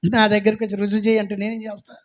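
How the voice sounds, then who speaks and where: A pastor preaching a sermon, animated, acting out the people he quotes and raising his voice to a shout. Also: sits high, rapid-fire. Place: church hall.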